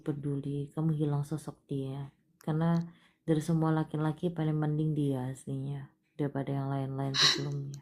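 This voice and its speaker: A woman with a low voice hosts a live palm-reading session and talks straight to a caller. She coaxes and pushes, and her voice often sinks to a near whisper. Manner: coaxing, repeatedly urging the caller to cry; drops to soft, hushed delivery.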